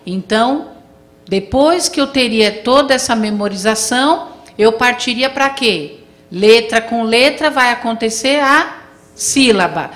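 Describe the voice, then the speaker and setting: Bright-voiced woman giving a lecture. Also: on the high side, animated, a little slow. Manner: explains step by step, checks in with the audience often. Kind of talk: classroom lecture.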